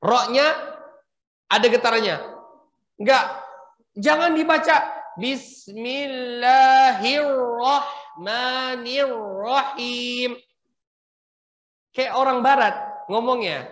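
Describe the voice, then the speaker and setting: A man teaching Quran recitation rules to a class of women, patiently prompting them and demonstrating slow, drawn-out recitation. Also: very high-pitched, lively intonation, fairly bright tone. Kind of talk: tajwid lesson for women. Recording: echoey room.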